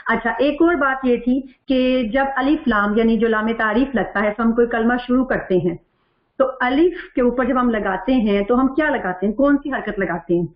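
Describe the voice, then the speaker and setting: In an echoey online class going back over the last lesson, a patient Quran recitation teacher asks questions and reads her students' answers out loud. Her voice is a little high, and the recording sounds muffled.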